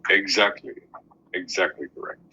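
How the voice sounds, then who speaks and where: A man's voice: low-pitched, fairly even intonation, moderate pace, a crowd in the background. A man ranting emphatically in a casual group discussion. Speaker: podcast participant. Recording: dull lo-fi audio.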